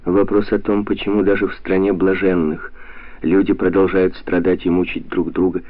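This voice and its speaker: Deep, husky male storyteller. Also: level tone, dry recording. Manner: measured, literary storytelling. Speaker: narrator. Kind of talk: audiobook reading of a novel. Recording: dry, tinny narrowband audio.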